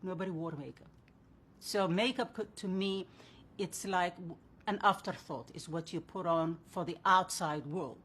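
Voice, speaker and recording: A woman's voice: on the low side, a little slow, fairly bright tone, slight background noise. Earnest woman in her fifties. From Somalia. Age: 50s. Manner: earnest, speaks from personal experience. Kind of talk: personal reflection in a clip.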